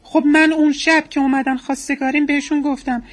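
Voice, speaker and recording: A woman's voice: sits high, level tone, lightly acted. A woman playing a whiny, clueless wife. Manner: whiny, naive complaining. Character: clueless, self-centered married woman patient. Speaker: patient at a counseling session. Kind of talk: comedy sketch acting.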